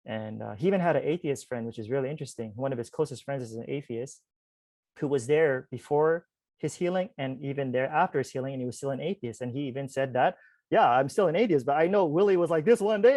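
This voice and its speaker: A man's voice: medium pitch, dry recording. A man of forty telling a personal story as a podcast guest in a casual, chatty way, with frequent asides to listeners. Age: 40s. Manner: chatty, animated, many "like" and "you guys" asides. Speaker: podcast guest, spiritual teacher.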